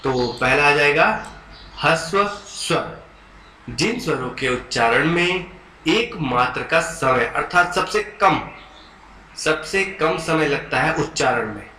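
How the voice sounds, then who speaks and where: Speaking with a bright, forceful, rather high voice and lively intonation, a male teacher walks students through Hindi grammar for an exam. He explains slowly, says key terms again, sounds out the vowels and keeps asking "ठीक है". The recording has room echo and faint noise behind it.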